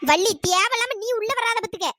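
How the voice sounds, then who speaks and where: A woman's voice: very high voice, lively intonation, fairly quick, bright, forceful tone, no echo, clean studio sound, heavily acted. A woman voicing a sly, meddling village woman who stirs up quarrels in a cartoon. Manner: scolding, sly and gossipy. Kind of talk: cartoon voice acting.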